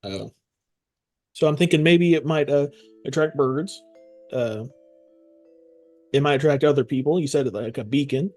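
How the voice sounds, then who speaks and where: A man playing a tabletop role-playing game, describing and role-playing casually in a halting, thinking-aloud way. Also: mid-range voice, darkish tone, soft background music.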